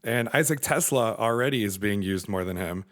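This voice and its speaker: A young man co-hosting a casual podcast chat, energetic and quick to laugh. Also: lowish voice. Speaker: podcast co-host.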